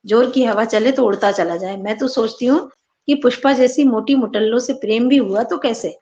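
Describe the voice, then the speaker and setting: A woman's voice: on the high side, moderate pace, warm tone, highs cut off, natural voice. A woman teacher reading the part of a gossipy young woman who mocks an acquaintance. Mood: mocking. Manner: mocking, gossipy.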